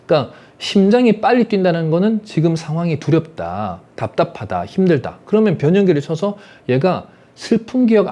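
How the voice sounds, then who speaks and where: A man's voice: high voice, dark tone. A man giving an online adult-education lecture on family psychology, often asking rhetorical questions. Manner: asks the audience rhetorical questions; acts out parents' scolding in quoted voices.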